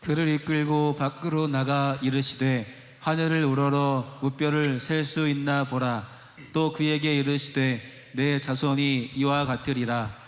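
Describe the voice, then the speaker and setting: A man's voice: medium pitch, flat delivery, unhurried. A man reading scripture aloud in unison with a congregation. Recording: long church reverb, far from the mic.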